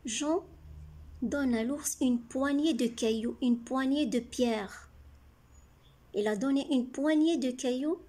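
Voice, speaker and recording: Slow, high-voiced woman teacher. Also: warm tone. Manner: patient, repeats and rephrases simple words; asks children questions and answers them herself. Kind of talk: reading a tale aloud and explaining words to children.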